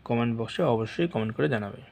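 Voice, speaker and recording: A man teaching a math lesson slowly and patiently, walking through each step and mixing English math terms into his speech. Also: on the low side, animated, vocal fry, a little mellow, a little hiss or hum.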